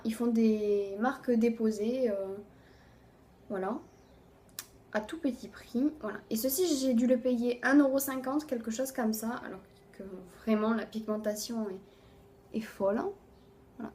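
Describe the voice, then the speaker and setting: Chatty woman beauty vlogger, slightly high voice. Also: slight background noise. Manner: chatty, fills pauses with "voilà"; voice often trails off softly at phrase ends. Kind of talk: casual monthly favorites review.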